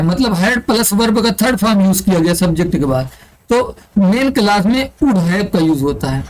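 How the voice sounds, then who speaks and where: A man's voice: sits high, low-quality recording. A man teaching an online exam-prep English grammar lesson, explaining step by step and answering his own questions aloud. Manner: asks the class questions and answers them himself, repeating key terms.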